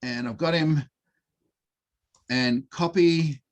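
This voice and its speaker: A middle-aged man presents an online workshop over a video call. He talks in a relaxed, hesitant way, with many fillers. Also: fairly high pitch, slow pace. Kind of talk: online teaching session.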